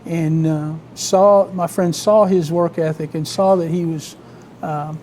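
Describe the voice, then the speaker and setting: Southern alabama guy, mellow voice, chatting in an interview kinda halting, bit of background hiss. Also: on the high side, fairly even intonation. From Alabama, United States. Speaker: interview guest, vintage biplane owner and pilot. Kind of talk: conversational storytelling in an interview.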